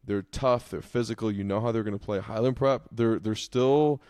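A man's voice: fairly low pitch, moderate pace, darkish tone, smooth, no room sound, studio quality. A man co-hosting a sports podcast, giving laid-back, casual analysis full of fillers. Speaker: podcast co-host.

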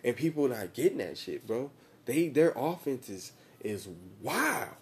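A man's voice: medium pitch, sing-song, a little slow. A young American man chatting casually about sports in a slangy, profane, repetitive and emphatic frat-bro manner. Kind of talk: casual chat about football tactics.

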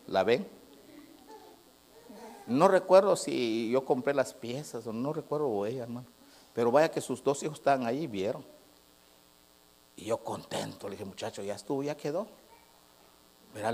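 Preacher, male, animated pitch, shifts from loud preaching to hushed anecdotes, plays out the dialogue himself. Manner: swings from loud preaching to low, quiet storytelling; acts out dialogue. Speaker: pastor. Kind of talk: sermon. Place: church sanctuary.

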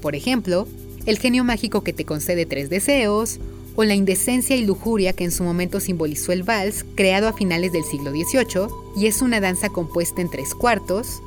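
A woman's voice: medium pitch, animated, moderate pace. Woman explaining film music theory. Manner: explanatory, addresses viewers directly, counts beats aloud. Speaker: music appreciation presenter. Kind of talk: scripted educational narration.

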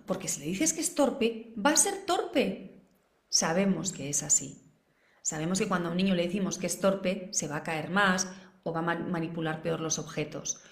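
Educadora de crianza española, tono de preguntas retóricas al público, sonido con mucha reverberación. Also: female voice, on the low side. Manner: asks the audience many rhetorical questions. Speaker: parenting educator. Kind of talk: live online masterclass. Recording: roomy echo.

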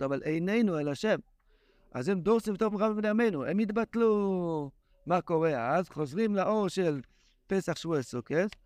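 A man's voice: on the high side, a little mellow, no echo. A man teaching a daily religious text lesson in an impassioned way, with exclamatory sighs. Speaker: Torah teacher.

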